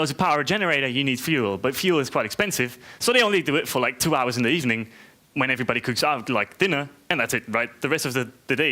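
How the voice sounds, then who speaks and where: Speaking to a live audience in a conference room, an Austrian man, a software developer, delivers a loose, jokey tech talk and keeps checking in with "right?". His voice is medium-pitched with a sharp tone.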